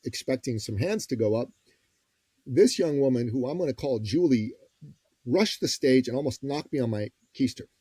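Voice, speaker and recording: A man, a business coach and podcast guest, telling a story in a lively, folksy way and acting out the people he quotes. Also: medium pitch, moderate pace, husky, dry recording. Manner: lively, acts out quoted voices; direct, folksy phrasing. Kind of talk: conversational storytelling.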